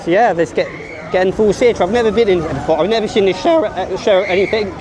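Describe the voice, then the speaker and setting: A man's voice: high-pitched, quick pace, crowd noise. A man giving casual, rambling vlog commentary at a theme park and then inside an exhibition. He thinks aloud, often restarts and corrects himself.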